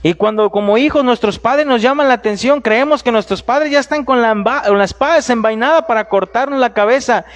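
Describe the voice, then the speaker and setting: A man preacher giving a sermon in a church, animated and storytelling, with humorous asides and direct address to his listeners. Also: extremely high pitch, fairly quick, hardly any pauses.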